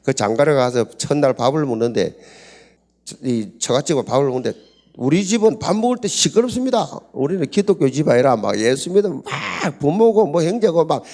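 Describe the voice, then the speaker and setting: Lively older man with a Busan accent. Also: on the high side, brisk. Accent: Gyeongsang (Busan). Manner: animated storytelling, acts out quoted voices, laughs often. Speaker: pastor. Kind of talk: humorous seminar talk.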